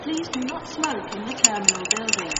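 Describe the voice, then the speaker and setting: Woman's announcement over a loudspeaker. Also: fairly high pitch, expressive. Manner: slow, measured, polite. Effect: public address loudspeaker. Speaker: terminal announcer. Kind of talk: formal public announcement. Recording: dull lo-fi loudspeaker sound.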